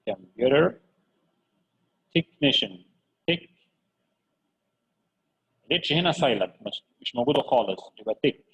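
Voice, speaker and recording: Gravelly teacher coaxing kids. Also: male voice, medium pitch, low-quality recording. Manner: lively, coaxing, repeats words slowly for pupils. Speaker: English teacher. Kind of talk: children's vocabulary lesson.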